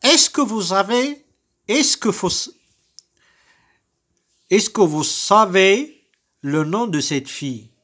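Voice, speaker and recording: A man with a Moroccan French accent teaching young children to read, saying words and syllables slowly and repeating each one. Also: high-pitched, lively intonation, fairly bright tone. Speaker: primary school teacher. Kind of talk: slow recorded reading lesson for young children.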